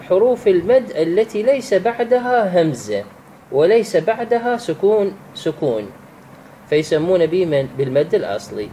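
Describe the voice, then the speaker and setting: A man teaching Quran recitation rules, patient, repeating words and examples with halting restarts. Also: fairly high pitch, warm tone, slight background noise, low-quality recording. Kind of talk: explaining tajweed rules.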